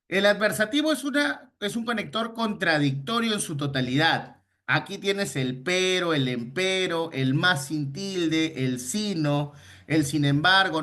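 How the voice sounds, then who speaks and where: Bright-voiced male teacher. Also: high voice. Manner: explains patiently, checks understanding with frequent short questions. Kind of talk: online class on Spanish grammar.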